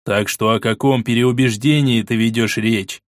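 A man's voice: mid-range voice, fairly even intonation, normal speed, no room sound, studio quality, close to an everyday voice. A man voicing a worried archduke who pleads with his wife in an earnest, insistent way. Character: worried, persuasive older archduke, husband.

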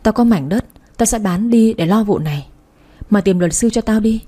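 Brief: woman reading an enraged young mother, bitter and insulting, in a warm, mellow tone. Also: medium pitch, moderate pace, natural voice. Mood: bitter, vengeful. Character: furious young mother fighting for her baby.

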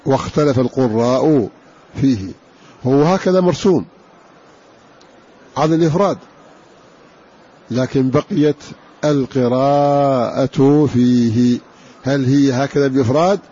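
A man lectures on the variant readings of the Quran, slowly repeating and stretching the words he explains. His voice is dark and husky. The recording sounds dull and lo-fi. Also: mid-range voice, expressive. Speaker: Quran recitation teacher.

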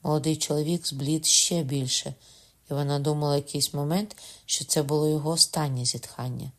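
A man narrating a historical novel as an audiobook, in a steady, measured reading. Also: on the high side. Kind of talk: scripted literary narration.

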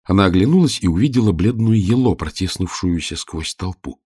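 A man narrating a storybook in a steady, expressive reading voice. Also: low voice, a little fast, slightly rough, no echo, studio quality.

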